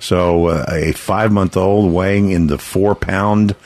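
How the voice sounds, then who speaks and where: An American radio fundraiser host runs a live charity pledge drive, pitching a limited-time offer in a folksy, rambling, earnest and persuasive way. His intonation is fairly even, his pace unhurried and his tone a little mellow, in a dry recording.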